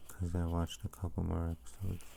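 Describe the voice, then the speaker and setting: A person giving a casual whispered ASMR ramble in a soft, breathy, hesitant way that trails off. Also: monotone, brisk, slight background noise. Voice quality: soft breathy whisper, low and creaky when voiced.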